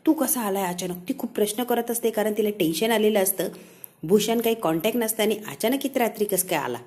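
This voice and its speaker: A woman tells the story of a TV serial episode scene by scene in a mellow, darkish voice. She moves through the plot in steady storytelling and quotes each character in turn. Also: medium pitch, quick pace. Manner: storytelling, animated quoting of characters. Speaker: TV serial recap narrator.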